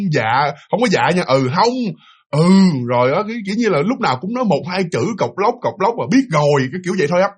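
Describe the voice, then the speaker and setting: A man's voice: fairly high pitch, slightly rough. A man with a Southern Vietnamese accent telling a ghost story casually, talking to his listeners with many fillers. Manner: animated, filler-heavy, addresses listeners.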